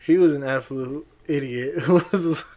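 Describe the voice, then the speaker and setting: A man's voice: mid-range voice, moderate pace, a little mellow. A man co-hosting a podcast in casual chat, laughing often and protesting playfully. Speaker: podcast co-host.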